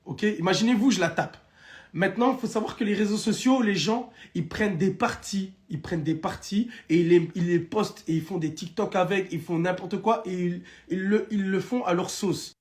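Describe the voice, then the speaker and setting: High-voiced young man telling a story. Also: normal speed. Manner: animated storytelling, addresses viewers directly. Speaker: guest telling his story. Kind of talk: casual live-stream chat.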